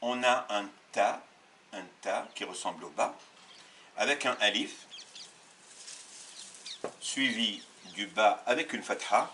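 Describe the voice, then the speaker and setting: A man gives a patient, methodical beginners' lesson, spelling out sounds one by one and correcting himself along the way. His voice is bright and forceful, with a faint hiss in the background. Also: fairly low pitch, slow, long pauses, recorded from a distance. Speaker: Arabic teacher. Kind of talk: step-by-step lesson for learners.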